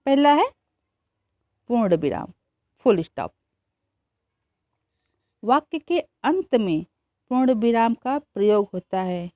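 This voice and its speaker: A woman teacher explaining a grammar lesson slowly, repeating examples and answering her own questions. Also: fairly high pitch, lively intonation, warm tone, no room sound. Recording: dull, muffled dry recording.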